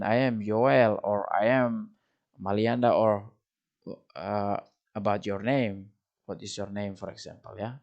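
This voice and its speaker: A young man with an Indonesian accent teaching an English grammar lesson, often loud and lively, repeating each point for beginners. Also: on the low side. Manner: animated, swings of loudness, repeats points.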